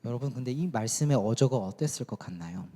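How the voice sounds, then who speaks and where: A man's voice: medium pitch, expressive, fast, mellow. A man preaching a sermon as youth pastor, talking conversationally and asking the congregation questions. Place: church sanctuary. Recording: long church hall reverb.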